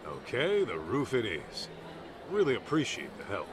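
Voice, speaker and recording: A man's voice: mid-range voice, huge pitch swings, moderate pace, noisy background. An actor playing a casual, direct middle-aged male detective in a video game dub. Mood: polite, businesslike. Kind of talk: English game dub acting.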